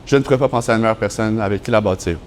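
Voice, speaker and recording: A man's voice: lowish voice, very fast, slight background noise. A young man with a Quebec French accent delivering prepared wedding vows as the groom. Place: wedding ceremony.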